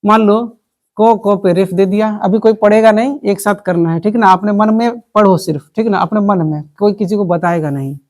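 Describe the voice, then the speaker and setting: A woman's voice: medium pitch, normal speed, darkish tone. Patient woman teaching class. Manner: patient, repetitive, keeps checking understanding. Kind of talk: classroom lesson. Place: classroom with pupils.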